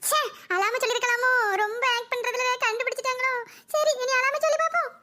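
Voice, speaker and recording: A woman voicing a little schoolgirl in a comedy cartoon who schemes to skip school, pleading and whining in a drawn-out way. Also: very high-pitched, bright, forceful tone. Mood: scheming.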